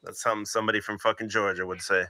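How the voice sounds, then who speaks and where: A man adds wry remarks to the chat. His voice is low but very bright and sounds dry and close. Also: little pitch movement, racing, no room sound. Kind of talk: casual chat.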